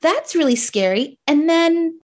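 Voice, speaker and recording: Her voice is extremely high, animated, and darkish in tone, and she takes her time. She's a thirty-something coach from New Jersey with a Jersey accent, a podcast guest speaking in an earnest, reflective manner.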